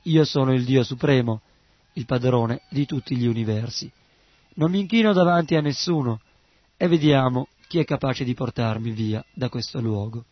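A man's voice: medium pitch, moderate pace, no echo, dull audio, lightly acted. A man voicing a defiant, boastful yogi. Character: arrogant male yogi claiming to be God.

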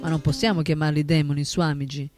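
A narrator reading a doubting young disciple. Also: male voice, a little high, flat delivery, fast talker, over music, natural voice. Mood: doubtful.

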